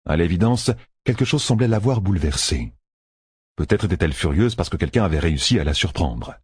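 Low, husky male audiobook narrator. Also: expressive, fairly quick, no room sound, clean studio sound.

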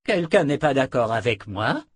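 A man voicing an old male wizard who speaks slowly, weighing his words gravely. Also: mid-range voice, sing-song, no room sound, clean studio sound, pitched above the performer's own voice. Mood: challenging.

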